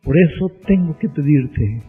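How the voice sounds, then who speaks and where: A man's voice: on the high side, lively intonation, unhurried, soft background music. A man preaching an evangelistic sermon, telling a story dramatically and building to impassioned appeals. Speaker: pastor. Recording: tinny, phone-like husky sound.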